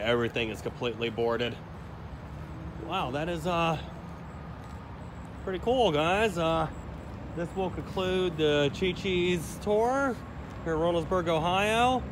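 Man, casual vlog narration, talks to viewers, exclamations, slightly high voice, outdoor phone recording, traffic noise. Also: slow pace, long pauses. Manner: chatty, addresses viewers, frequent exclamations. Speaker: vlogger exploring abandoned places. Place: outdoors around an abandoned restaurant and its parking lot.

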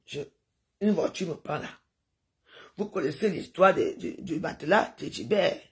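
A woman's voice: on the low side, normal speed, darkish tone. An older woman chatting to her viewers in a rambling, digressive livestream monologue, sprinkling in sound-effect noises.

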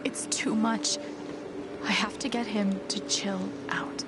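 An actress playing an anxious but determined young woman in a video game, speaking in a soft, earnest, halting way. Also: medium pitch, level tone, close to an everyday voice. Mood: tense, hushed. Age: young adult. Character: anxious, determined young woman gently reassuring a frightened child. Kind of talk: video game dramatic acting. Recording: game music under the voice.

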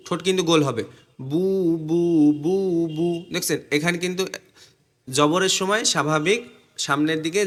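A Quran recitation teacher gives a pronunciation lesson on Arabic letters, slowly drilling syllables and repeating them many times. He explains step by step where the tongue and lips go and asks the viewer to watch his tongue. His voice is on the high side and a bit bright.

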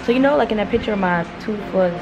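A woman with an even, mid-range voice speaks with her lip pulled down by a finger, so her words come out soft and a little hesitant. She is a vlogger describing discomfort to her orthodontist. Her own handheld camera picks her up indoors at the office. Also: mid-range voice, fast talker, lo-fi sound, noisy background. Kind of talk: casual chat.

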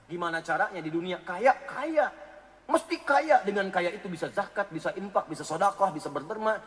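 Male preacher with a high voice, animated and joking, talking directly to the audience, sound trailing in a long reverb. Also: brisk. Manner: joking, animated storyteller addressing listeners directly. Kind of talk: radio sermon with anecdotes.

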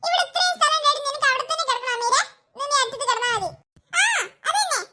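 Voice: very high voice, fast talker, bright, forceful tone, exaggerated voice. ഒരു ശബ്ദതാരം ചെയ്യുന്ന ശകാരിക്കുന്ന അമ്മ. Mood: scolding. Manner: scolding, exasperated. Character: scolding mother, tired.

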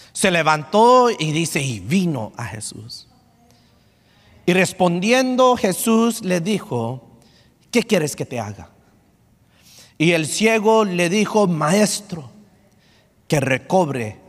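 High-voiced emphatic preacher in a ringing hall. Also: male voice, fairly bright tone. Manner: emphatic, repetitive preaching, mixes in English phrases. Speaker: pastor. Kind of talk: sermon. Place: church sanctuary.

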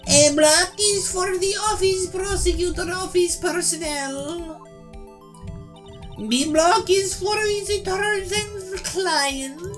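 Man acting bubbly sly woman witness, leprechaun-like squeaky lilt, very high, slow, video game courtroom. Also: a bit bright, heavily acted. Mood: theatrical. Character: bubbly sly female lunchbox-selling witness, cartoonish. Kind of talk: comic voiced read-through of a courtroom video game. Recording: game music behind.

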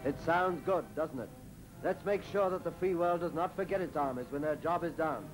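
A man reading scripted commentary for an old wartime newsreel in a brisk, wry announcer manner. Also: fairly high pitch, poor audio. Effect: old wartime newsreel narration. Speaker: newsreel narrator. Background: music under the narration.

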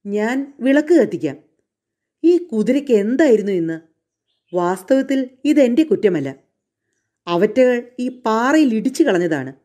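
Humble male coachman, deferential, raised pitch — a woman reader takes it on. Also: big pitch swings, unhurried, long pauses, dark tone. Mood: worried. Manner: deferential, defensive.

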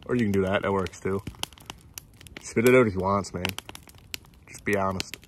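A young outdoor vlogger with a Newfoundland accent chats enthusiastically to viewers while fishing by a snowy river. His voice is low-pitched and moderately paced, picked up by a phone or action camera held close, with slight background noise.

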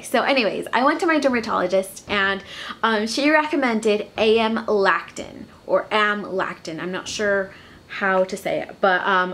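Chatty young woman vlogging. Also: medium pitch. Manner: chatty and earnest, frequent ums. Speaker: beauty vlogger. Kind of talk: casual talk to camera.

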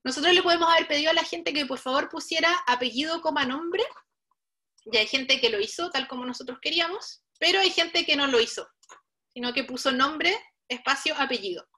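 A woman's voice: high voice, a little fast, sharp tone. A woman leading an online coding workshop, patiently explaining each step and speaking straight to the learners. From Chile. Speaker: workshop instructor. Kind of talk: live online coding tutorial.

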